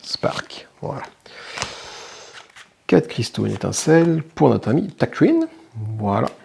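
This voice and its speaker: A man's voice: medium pitch, very animated, measured pace, creaky, warm tone, slight background noise. A man hosting a tabletop game channel, casually explaining a solo playthrough and thinking aloud with small self-corrections. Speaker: board game channel host.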